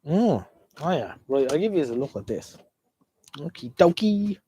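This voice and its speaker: This Irish livestreamer, slightly congested with a head cold and sniffling, talks to his viewers in a chatty, wandering way via a desk microphone. His fairly high voice swings widely in pitch, runs a little slow, and sounds mellow but slightly rough.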